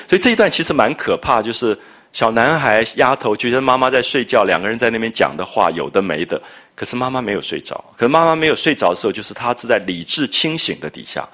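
A man's voice: lowish voice, fairly bright tone, husky. A man lecturing on a classic novel, telling the story with asides and rhetorical questions. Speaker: literature lecturer.

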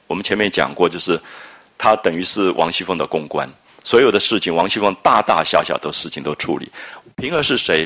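A man with a very low voice teaches literature. He retells a scene step by step and adds his own remarks. He often turns to his listeners with a quick question. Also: fairly bright tone. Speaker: literature lecturer. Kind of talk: storytelling lecture.

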